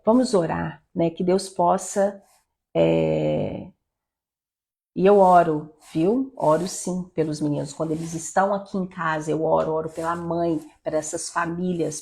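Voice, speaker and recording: Brazilian woman talking to moms about faith, bit husky, gets worked up and repeats herself. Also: on the low side. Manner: animated, repeats phrases, quotes others in her voice. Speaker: church speaker to mothers. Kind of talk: informal testimony and exhortation. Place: her home.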